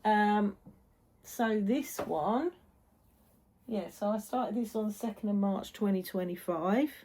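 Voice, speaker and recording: A British woman hosts a vlog in a casual, chatty way. Her pitch sits in the middle and her pace is slow. She tends to repeat phrases for emphasis. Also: a little mellow, slight background noise. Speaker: host of a needlework vlog. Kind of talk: casual chat.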